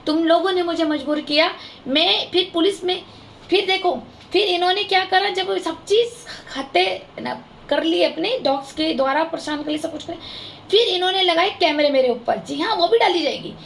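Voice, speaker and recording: A woman's voice: very high voice, moderate pace, creaky, a bit bright, slight background noise. A woman vlogger speaking straight to her viewers in an aggrieved, impassioned and accusing monologue. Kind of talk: emotional vlog monologue to viewers.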